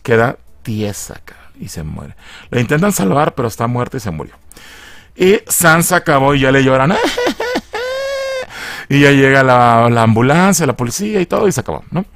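A man's voice: medium pitch, animated, normal speed, a bit bright. A man with a Mexican accent casually recapping a film, profane and mocking in a chatty way. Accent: Mexican Spanish. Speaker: film reviewer.

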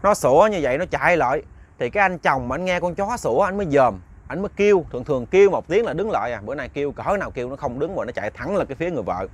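A man with a Southern Vietnamese accent telling a ghost story, chatty and talking straight to his listeners. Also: on the high side. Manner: chatty, addresses listeners directly.

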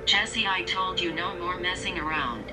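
A woman voicing a sinister female voice assistant that mocks and threatens, speaking in a low voice. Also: moderate pace, close to an everyday voice. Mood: taunting. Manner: mocking, menacing. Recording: noisy recording.

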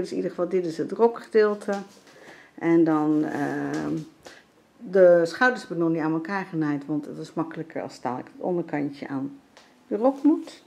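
A woman's voice: lowish voice, gravelly, darkish tone. Chatty older Dutch woman vlogging at home. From Netherlands. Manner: chatty, many fillers, shows sewing and cooking tips. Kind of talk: casual home vlog. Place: home interior.

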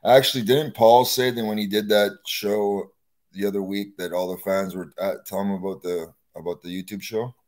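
A man hosting a casual livestream chat, relaxed and blunt. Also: on the low side, moderate pace. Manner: relaxed, blunt, talks about wrestling buddies. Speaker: show host.

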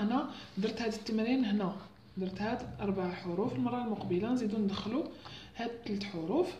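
A woman teaches first-grade reading, drawing out each syllable with patience. Her voice sits a little high. The recording comes from an echoey room. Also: muffled recording, slight background noise. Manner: explains patiently, sounding out syllables slowly. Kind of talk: home lesson on Arabic letters for parents.

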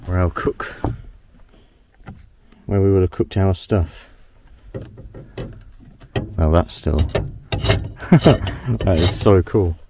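A low-voiced Australian exploration vlogger draws out his words and leaves long pauses while walking through a ruined house outdoors, with plenty of background noise. His casual walkthrough narration is curious and musing, as if he's working things out on his feet.

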